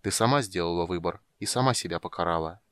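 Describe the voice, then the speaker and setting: A man reading the part of a kindly, absent-minded old wizard who speaks quietly and mutters. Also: low voice, fast talker, clear, resonant tone, dry recording, clean studio sound, pitched below the performer's own voice. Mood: gentle.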